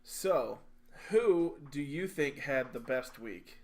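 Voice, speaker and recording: A man's voice: mid-range voice, expressive, takes it slowly. A man co-hosting a wrestling podcast, recapping matches play by play in an eager, casual chat.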